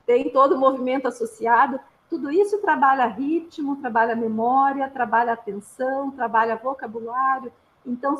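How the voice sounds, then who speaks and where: A speech therapist with a Brazilian Portuguese accent explains things in an informal, patient talk, often adding little tag questions. Her voice is high and a bit bright, and the rough recording carries a slight hiss or hum.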